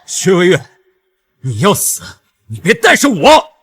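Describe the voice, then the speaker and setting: An actor playing a young company boss and protective son who snaps in stern, angry outbursts. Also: male voice, high voice, huge pitch swings, measured pace, a bit bright, breathy edge, exaggerated voice. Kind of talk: short drama acting.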